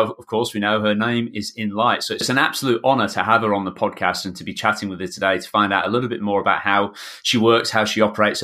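Bright-voiced Yorkshire man hosting a podcast. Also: on the low side. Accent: broad Yorkshire. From north of England. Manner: enthusiastic, wordy. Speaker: podcast host, swimming coach. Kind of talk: chatty podcast introduction and interviewing.

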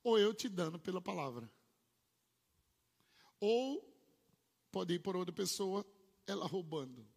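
Gravelly, lively Portuguese-speaking preacher man. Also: measured pace, long pauses. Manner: swings from low murmured asides to loud shouted proclamations. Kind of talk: sermon. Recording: long hall reverb.

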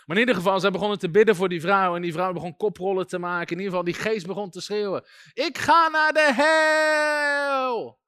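A man giving an informal sermon on deliverance. He talks in a lively, humorous way, full of anecdotes and chuckles. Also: high voice, very fast, hardly any pauses. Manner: lively and humorous, often chuckling and using fillers like "weet je". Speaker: preacher teaching on deliverance.

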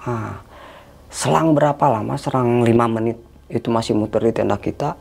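Gravelly-voiced man telling a scary story. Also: medium pitch, moderate pace, darkish tone. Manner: tense, imitates eerie sounds, addresses listener as Bang. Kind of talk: casual storytelling.

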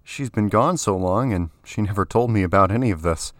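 A man's voice: fairly low pitch, fairly quick, dry recording, clean studio sound, natural voice. A man voicing an earnest young man full of questions.

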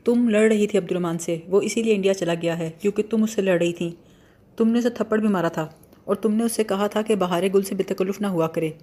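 A woman voicing an excitable, proud little girl in an audiobook, talking loudly and insistently. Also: medium pitch, close to an everyday voice. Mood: accusing.

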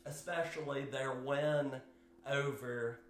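A man hosting his own sports podcast, giving solo commentary in a slow, measured way with fillers and hedges. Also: mid-range voice, steady tone, reverberant, a little hiss or hum. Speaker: podcast host.

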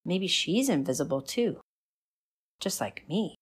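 A woman reading a storybook voicing a shy, lonely young girl who speaks softly and hesitantly. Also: fairly low pitch, expressive, unhurried, husky. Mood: wistful.

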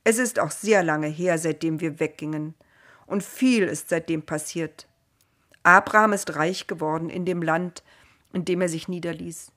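A woman's voice: fairly low pitch, a little slow, fairly bright tone. A woman voicing an old male servant in a story, speaking eagerly and earnestly.

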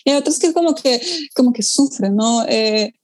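Young woman pianist chatting away, kinda high voice, acts out what people said. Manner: animated storytelling, quick asides and acted-out quotes. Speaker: pianist guest. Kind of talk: casual conversation.

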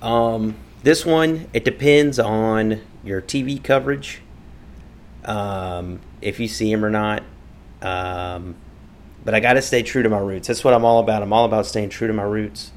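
A man's voice: fairly low pitch, unhurried. A man co-hosting a podcast, chatting casually with an easygoing manner and many fillers.

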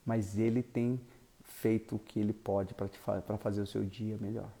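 Gravelly preacher man. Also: on the low side, moderate pace. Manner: animated, swings from loud to soft. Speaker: pastor. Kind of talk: storytelling sermon.

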